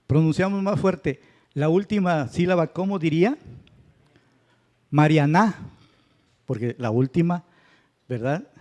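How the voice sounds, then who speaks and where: Male teacher, slightly high-pitched, unhurried classroom lecture, keeps checking that students follow. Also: darkish tone. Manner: patient, checks understanding with tag questions. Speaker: Spanish grammar teacher. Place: church classroom.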